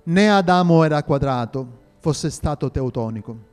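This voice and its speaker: A man's voice: fairly high pitch, lively intonation, moderate pace, darkish tone, clean tone, natural voice. A man voicing a stern, terse knight adviser. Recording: reverberant hall with faint music.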